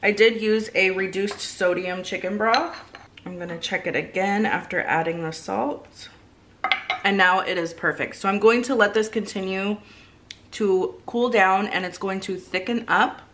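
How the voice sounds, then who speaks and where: A woman's voice: medium pitch, measured pace, a bit bright. A woman in her thirties giving casual cooking instructions to viewers in her home kitchen. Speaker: home cook and vlogger. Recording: clear frying and kitchen noise. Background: sizzling food, stirring.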